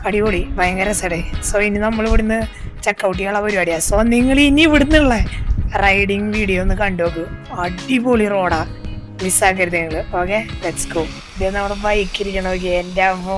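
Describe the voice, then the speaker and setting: A woman narrating a casual travel vlog, colloquial and exclaiming, mixing English words into her Malayalam. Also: mid-range voice. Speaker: travel vlogger. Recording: loud background music.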